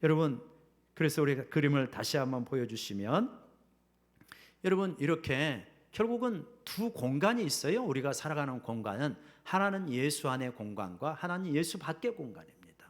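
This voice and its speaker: A man's voice: on the high side, big pitch swings, moderate pace. A middle-aged man preaching a sermon as senior pastor in a church, acting out quoted voices and dropping to a whisper at key lines. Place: church sanctuary.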